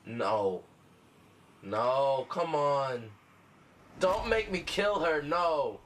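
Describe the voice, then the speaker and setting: Excitable high-voiced man playing a game. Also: drawn-out words. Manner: excitable, talks back at the screen and cheers the character on. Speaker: gaming channel host. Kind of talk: let's-play commentary.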